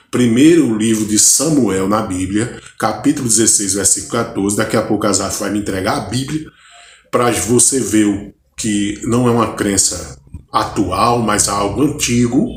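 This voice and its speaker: A man's voice: mid-range voice, a little mellow. A Brazilian pastor speaks off the cuff in a mid-range voice, leading a Bible study straight to camera. He stops and restarts often, keeps asking his listeners if they follow, and piles up pointed questions for the viewer. The room has a noticeable echo with a faint hiss underneath. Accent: Brazilian Portuguese. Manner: unscripted, halting, often checks in with "né?" and "tá bom?"; poses long strings of direct questions to the viewer. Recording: echoey room recording.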